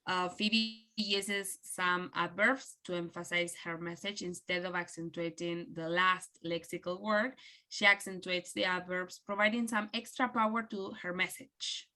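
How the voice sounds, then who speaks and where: Young female student presenter, bright voice, measured and explanatory. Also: medium pitch. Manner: explanatory, measured, some fillers. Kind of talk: class presentation.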